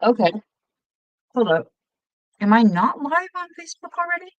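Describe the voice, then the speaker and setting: A woman's voice: on the high side, sing-song, normal speed, no echo, highs cut off. A woman hosting a casual live stream, chatting in a scattered way and greeting viewers as hun.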